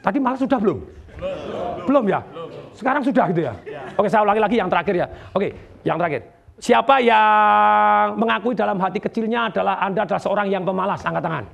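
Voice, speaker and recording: A middle-aged man giving an energetic motivational seminar talk to a live studio audience, asking questions and waiting for replies. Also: high-pitched, gravelly, lo-fi sound. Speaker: motivational speaker.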